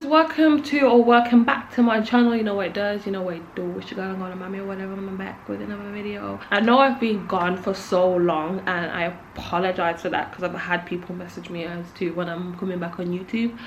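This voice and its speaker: A woman's voice: on the low side, level tone, a little fast, few pauses, slight background noise. A young woman chats casually and candidly to camera, rambling and slangy, with a lisp from a swollen cheek that keeps her mouth from fully closing. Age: young adult. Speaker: video creator.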